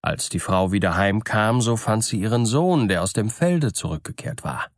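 A man reading an old fairy tale aloud in a calm, measured storytelling manner. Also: lowish voice, no echo, studio quality.

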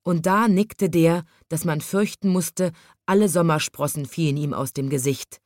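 Casting: woman storyteller for a children's tale, low-pitched, dry close sound. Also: moderate pace, dry recording. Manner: expressive, lively storytelling. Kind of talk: reading a children's story aloud.

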